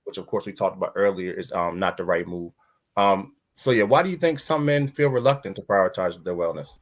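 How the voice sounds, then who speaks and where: A man's voice: deep voice, fairly quick. A man moderating a church panel discussion, hesitant, with many fillers.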